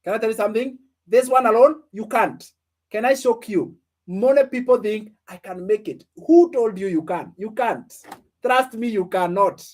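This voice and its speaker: Speaking at a moderate pace, this man has a high-pitched, somewhat mellow voice. He's a business coach in his late twenties teaching online, firing questions at his audience and repeating lines to make them stick.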